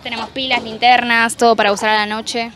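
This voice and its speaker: A woman's voice: on the high side, level tone, a little fast, crowd noise. A young woman with an Argentine accent answering questions about camp gear. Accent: Argentine Spanish. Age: young adult. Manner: brief, agreeable answers. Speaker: interviewee, scout participant. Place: outdoor camp.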